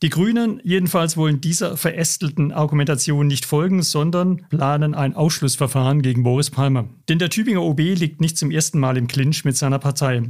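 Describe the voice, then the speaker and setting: Male podcast host, slightly high voice, calm measured questions, interview style.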